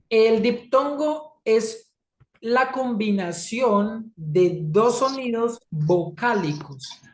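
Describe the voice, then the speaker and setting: A woman teaching an English class, who keeps checking in with her students. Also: mid-range voice. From Colombia. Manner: checks in often with "¿sí?" and "¿listo?". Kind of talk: classroom lesson. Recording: echoey room.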